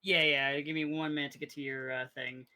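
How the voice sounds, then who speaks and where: A man's voice: fairly high pitch, little pitch movement, brisk, sharp tone, clear, resonant tone. A man chatting casually as a fellow player, opinionated and sweary, often stumbling over his starts. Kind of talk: casual gameplay chat.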